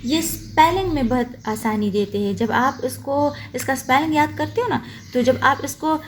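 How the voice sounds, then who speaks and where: A woman teacher with a Pakistani accent explaining a school lesson slowly and patiently, sounding out words one at a time. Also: high-pitched, a little hiss or hum. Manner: slow, patient, spells out each word.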